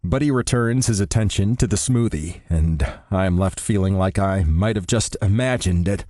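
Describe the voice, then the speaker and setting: Brief: male audiobook narrator, first-person romance, wry delivery; low pitch, dry close studio sound. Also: normal speed, warm tone, dry recording.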